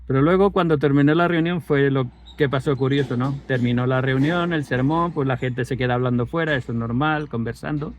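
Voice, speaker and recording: A man's voice: mid-range voice, a little fast, hardly any pauses, slight background noise. A man, telling a personal story in a rambling way with many restarts. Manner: rambling, with self-corrections and fillers. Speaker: vlogger.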